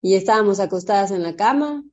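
Animated Mexican mom telling a story. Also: female voice, fast talker, highs cut off. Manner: animated, acts out quotes in a high voice, swears freely. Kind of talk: casual storytelling chat.

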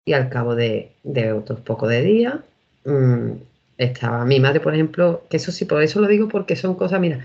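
A woman's voice: sits low, animated, moderate pace, mellow. A woman in her thirties from Seville with an Andalusian accent, telling her own experiences as an interview guest in a rambling way, often restarting. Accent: Andalusian Spanish. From Seville, Spain. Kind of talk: casual storytelling. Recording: dull lo-fi recording.

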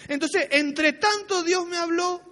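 Speaking at a measured pace in an extremely high, sharp voice, a pastor weaves personal, self-deprecating stories into his sermon. He regularly checks in with tag questions as his voice trails away into the church hall's lingering echo.

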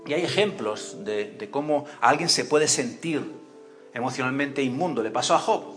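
Male pastor, lively church sermon, plays out the characters, faint music underneath, mid-range voice. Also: medium pitch, moderate pace. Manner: animated storytelling, acts out voices and cries, asks the congregation questions.

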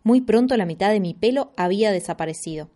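A woman reading a children's story aloud with expressive, animated narration. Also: medium pitch, fast.

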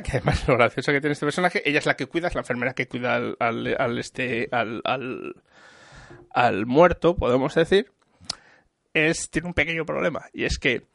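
A man talks casually, trailing off and restarting sentences as he recounts a film. His voice sits at a middle pitch. The recording is dry and close. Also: fairly bright tone, no echo. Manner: rambling, full of restarts and repeated words. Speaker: film reviewer in conversation. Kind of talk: casual chat.

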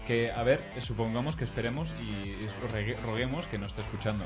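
A man co-hosting a radio show, joking and excitable in casual chat. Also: mid-range voice, quick pace, over music. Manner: jokey, excitable. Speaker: radio co-host.

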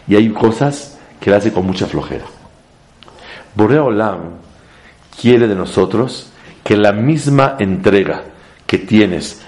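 Male rabbi teaching a Torah class, lowish voice, emphatic and climbing on key points. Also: a little mellow. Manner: emphatic, sweeps up in pitch to stress points, mixes in Hebrew terms. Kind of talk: Torah class before a live audience.

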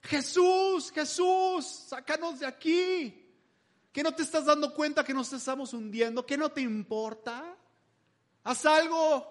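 Man doing frantic, high-pitched disciples. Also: a little slow. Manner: frantic shouting pleas. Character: panicked adult male disciples in a storm.

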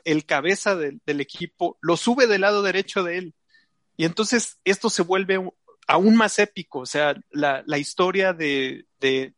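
A man hosting a live racing show, talking excitedly and rambling with many fillers and restarts. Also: on the high side, dry recording. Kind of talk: casual live show chat.

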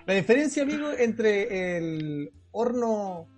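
A man's voice: high voice, very animated, slow, a little mellow, faint music behind. A Chilean man co-hosting a podcast, telling stories in a laughing, joking casual chat. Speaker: podcast co-host.

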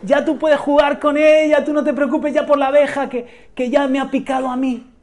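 A gentle, soothing mother in a told story, as a man puts her on. Her voice is pitched well above his, and she speaks calmly. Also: moderate pace. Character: calm, reassuring mother, stung by a bee.

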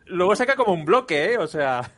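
A man's voice: sits high, sing-song, quick pace, a bit bright, no room sound. A man discussing films casually as a podcast panelist, often tagging on questions and acting out paraphrases.

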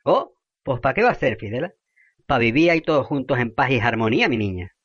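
A woman's voice: extremely low pitch, fairly quick, dry recording, dull audio, full character voice. A woman playing a pious, soothing older village woman who keeps calling out to Jesus. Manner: calming, exclaims to Jesus.

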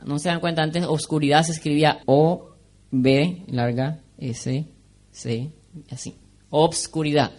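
A man's voice: fairly high pitch, fairly even intonation, unhurried, darkish tone. A man preaching a sermon in a conversational way, asking the congregation questions and making joking asides.

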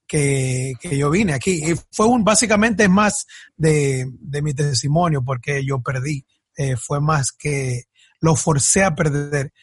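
A man's voice: fairly high pitch, breathy edge, no echo, studio quality. A man from Ecuador, a guest musician, talking in a casual podcast interview with many fillers and restarts.

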